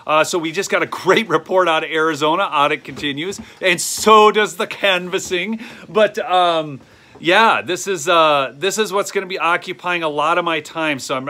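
Speaking into a phone camera held near his face inside a small wooden shed or garage, this thirty-something host streams live and casually. His Minnesotan accent comes through a fairly high, pushed and bright voice as he rambles, ums a lot and talks directly to his audience.

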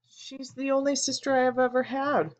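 Audiobook teen boy, quiet and guilty, hesitant delivery, woman reading, dull lo-fi sound. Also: mid-range voice, moderate pace, natural voice. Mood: choked up.

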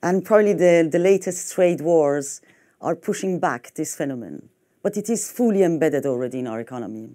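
French-accented woman giving a lively keynote. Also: low-pitched, a little fast. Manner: lively, emphatic, with restarts. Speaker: conference speaker. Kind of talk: conference keynote talk. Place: hotel conference room.

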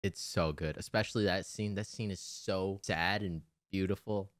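A man's voice: low-pitched, fairly even intonation, moderate pace, dry recording. A young man giving casual reaction commentary as a streamer, close on the mic. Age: young adult. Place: small room at home.

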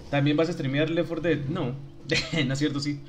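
A man's voice: a little high, fairly even intonation, moderate pace, a little hiss or hum. Joking young Mexican streamer guy. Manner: joking, laughing, reads chat aloud. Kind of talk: casual live-stream chat.

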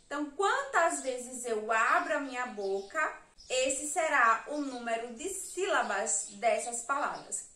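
Woman teacher, Sergipe Brazilian accent, high voice, echoey room, a bit off-mic. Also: animated, sharp tone, distant mic. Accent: Sergipe Brazilian Portuguese. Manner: slow, patient, spelling and counting aloud. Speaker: primary school teacher. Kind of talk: remote lesson for young children.

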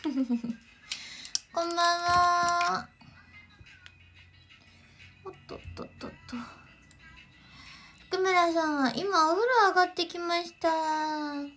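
A young woman with a Kansai accent chats to her livestream viewers from home. She talks in a high, bright-toned voice, giggling between stories. Faint music plays quietly behind her. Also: normal speed, long pauses. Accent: Kansai Japanese. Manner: giggly, chatty, answers chat greetings. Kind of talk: casual livestream chat.

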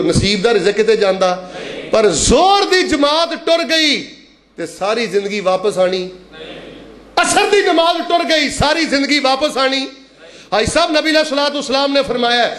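A man's voice: extremely high pitch, a bit bright, roomy sound. A man preaching a Friday sermon, calling on the congregation to repeat after him and chanting verses in a sweeping, rising and falling voice.

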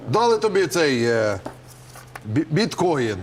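An actor playing a gruff, corrupt police officer who gives orders and makes threats. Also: male voice, fairly high pitch, big pitch swings, takes it slowly, a little hiss or hum. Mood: commanding. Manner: commanding, threatening.

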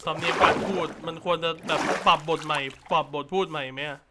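A young man chatting casually with a friend while gaming, crude and excitable, swearing often. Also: fairly high pitch, brisk, background noise. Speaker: gamer streamer.

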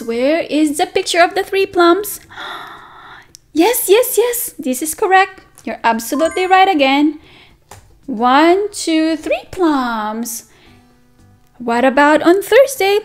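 A preschool teacher with a high-pitched voice runs a circle-time lesson for toddlers. She speaks slowly in an encouraging, sing-song manner and gasps as she praises them.

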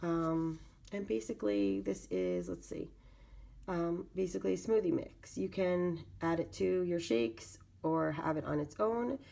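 A woman talks casually through an unboxing in a low, raspy voice with heavy vocal fry. She sounds stuffed up with a cold and moves haltingly between reading and commenting. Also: mellow. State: congested from a lingering cold. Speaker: video channel host. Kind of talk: casual product unboxing narration.

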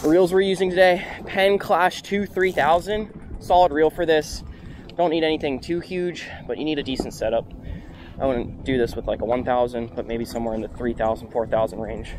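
A man's voice: a little high, steady tone, fairly quick. A young man in a casual vlog, narrating to an action camera while he fishes from a small open boat. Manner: upbeat, talks to the camera while working the line. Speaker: fishing vlogger. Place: open flats boat on the water outdoors. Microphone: action camera mounted on the boat. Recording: wind and boat noise outdoors.

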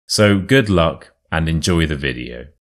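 A man with a modern British RP accent, speaking as an English teacher who narrates scripted lessons and stories with deliberate enunciation for learners. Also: extremely low pitch, animated, fairly bright tone, a little hiss or hum.

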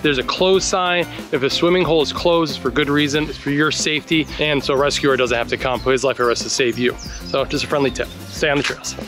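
Strolling outdoors along tropical trails and roadsides, a travel guide host in his thirties shares friendly advice to his handheld camera for a casual vlog. He speaks fairly quickly at a medium pitch with a steady tone, over background music.

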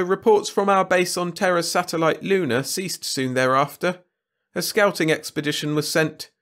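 A man's voice: sits high, fairly bright tone, pitched above the performer's own voice. Man putting on a whining alien war lord. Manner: whining, pleading.

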